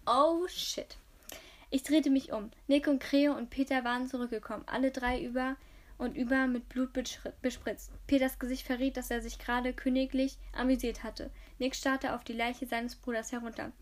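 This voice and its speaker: A woman's voice: high voice, little pitch movement, moderate pace. A woman reading a novel aloud in first person, with small slips and restarts. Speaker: reader. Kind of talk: amateur audiobook reading.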